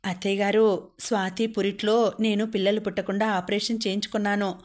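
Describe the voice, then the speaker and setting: A woman reading the part of a calm, resolute young mother who answers her mother-in-law steadily. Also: medium pitch, fairly quick, close to an everyday voice. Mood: steady.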